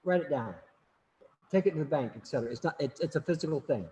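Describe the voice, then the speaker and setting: A man's voice: fairly high pitch, lively intonation, quick pace, mellow. A man teaching an online class in a casual, joking, rambling way, often repeating words, over a video call. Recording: long reverb, faint room noise.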